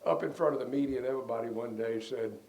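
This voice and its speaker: Older male lawyer, gravelly voice, folksy anecdotal interview delivery. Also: mid-range voice, fast talker. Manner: rambling, relaxed storyteller who chuckles at his own stories. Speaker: defense lawyer being interviewed.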